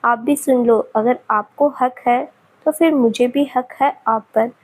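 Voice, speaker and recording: A woman's voice: high voice, steady tone, unhurried, a little mellow, breathy edge. A woman voicing a tearful, sulky young woman who scolds her sick partner in a pleading tone. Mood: tearful scolding.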